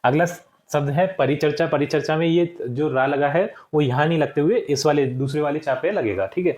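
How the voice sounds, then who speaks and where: A male teacher walking young pupils through textbook answers, saying each word slowly for them to repeat and often checking in with "ठीक है". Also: a little high, a little mellow, reverberant. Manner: slow and deliberate, checks in with frequent "ठीक है". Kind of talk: classroom lesson walkthrough.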